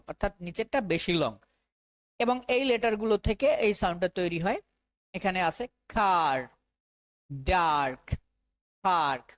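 A woman's voice: medium pitch, dry recording. Bengali-accented woman teaching English sounds. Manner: slow, drawn-out modelling of English sounds, repeating each word. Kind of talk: phonics lesson.

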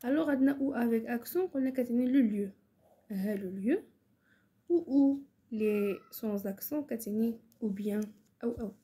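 A woman with a Moroccan Arabic accent teaching French to young pupils, explaining step by step and mixing Moroccan Arabic with French, slowing down to dictate words syllable by syllable. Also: a little high, dark tone, husky. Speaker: primary school French teacher. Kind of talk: online lesson explanation.

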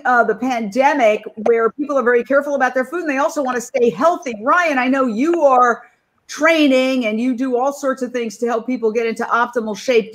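A woman's voice: high voice, a bit bright. A middle-aged woman hosting a panel discussion over a video call, chatting and putting questions to guests by name. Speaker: panel host.

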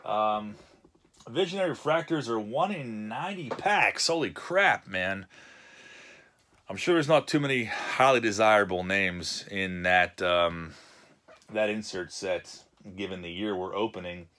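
A man's voice: fairly low pitch, expressive, measured pace, sharp tone. A man, casually chatting with a live-stream chat while opening card packs at a home desk. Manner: chatty, reads chat messages aloud with laughs.

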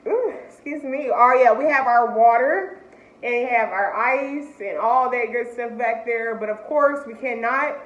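Slow-talking woman vlogger. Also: fairly high pitch. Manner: chatty, talks to viewers. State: teary from spicy food. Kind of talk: casual food challenge vlog. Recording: roomy, slightly dull, faint noise.

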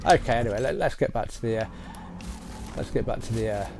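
A man's voice: medium pitch, quick pace, gravelly, background noise. A man giving a loose, rambling gameplay walkthrough as he plays. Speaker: gaming channel host. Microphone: voice-over on gameplay capture. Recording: game music loud behind voice. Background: game music.

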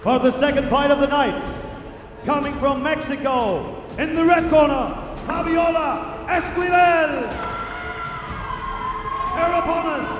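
A ring announcer giving booming fight introductions, drawing out the names. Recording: echoey hall with long reverb, music.

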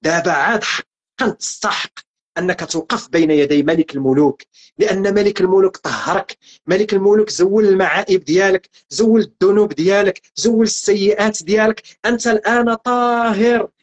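A man's voice: high-pitched, brisk. Earnest Moroccan man preaching with repetition. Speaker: religious guest speaker. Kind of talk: spiritual teaching talk.

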